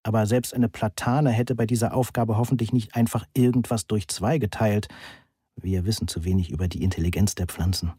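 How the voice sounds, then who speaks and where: Ein Mann liest ein Hörbuch in der Ich-Form, trocken und genau erzählt. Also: male voice, on the low side, steady tone, fairly quick, mellow, breathy edge, dry recording, clean studio sound. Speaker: audiobook narrator. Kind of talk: first-person audiobook narration.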